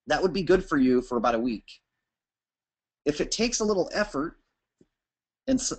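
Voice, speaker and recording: A man presenting a webinar to app builders, talking fast and energetically with frequent restarts and ums. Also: on the high side, darkish tone. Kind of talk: informal talk to users.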